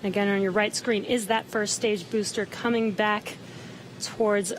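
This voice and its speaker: A woman gives live launch commentary as a webcast co-host. Her voice sits at a middle pitch, over faint background noise. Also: steady tone, a little slow, rough recording.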